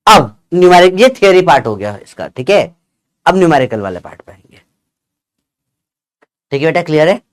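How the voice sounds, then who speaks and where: A man's voice: a little high, very animated, brisk, long pauses, no echo. A man teaching a casual lesson, chatty and joking, often checking whether his students follow.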